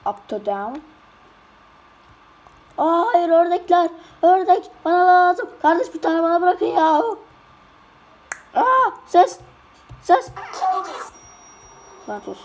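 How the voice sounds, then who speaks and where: A woman commenting on a game in casual chat, excitable and slangy, often yelping and shouting. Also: very high-pitched, slow, long pauses. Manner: slangy, keeps saying "lan". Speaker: gamer.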